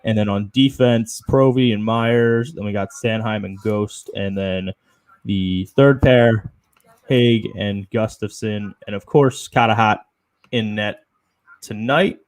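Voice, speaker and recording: Low-voiced man in casual sports chat. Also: takes it slowly, darkish tone. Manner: rambling, opinionated, many fillers. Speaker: podcast co-host.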